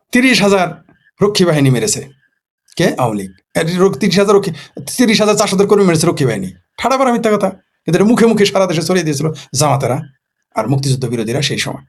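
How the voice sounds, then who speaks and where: Fast-talking husky man. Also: on the high side. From Bangladesh. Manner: poses rhetorical questions and answers them himself. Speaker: political commentator. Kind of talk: casual late-night monologue.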